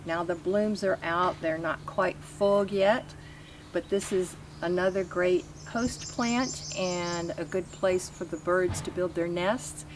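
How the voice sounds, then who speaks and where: A woman's voice: on the low side, fairly even intonation, slow. A woman gives a casual, instructive walk-through of her garden, pointing out plants in plain words. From Kentucky, United States. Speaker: gardener giving a garden tour. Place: outdoors in a home garden. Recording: outdoor ambient noise behind voice. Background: faint outdoor ambience.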